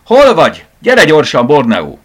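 A man doing an excitable lanky young man. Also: mid-range voice, breathy edge, voice pushed up, exaggerated voice. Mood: excited. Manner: excited exclamations, raised voice.

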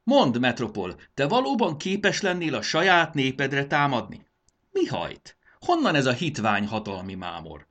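A man voicing a gentle, earnest male rebel leader who pleads with his cousin in a storybook reading. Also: medium pitch, wildly swooping pitch, voice pushed up. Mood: pleading. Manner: pleading, appealing to family ties.

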